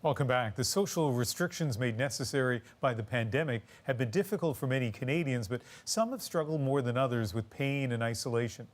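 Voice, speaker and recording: Man, news anchor, scripted narration, measured, mid-pitched.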